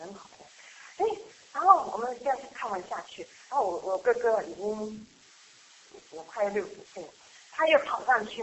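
A middle-aged woman sharing a personal church testimony in a chatty, halting way, with frequent laughs and restarts. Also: medium pitch, fairly bright tone, slight background noise, rough recording. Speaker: church member giving a testimony. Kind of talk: casual spoken testimony.

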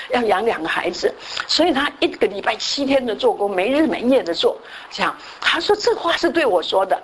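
A woman's voice: a little high, a little hiss or hum, low-quality recording. A woman giving a sermon, telling a story and often slipping in English words. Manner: frequent "好" fillers and restarts. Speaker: church speaker.

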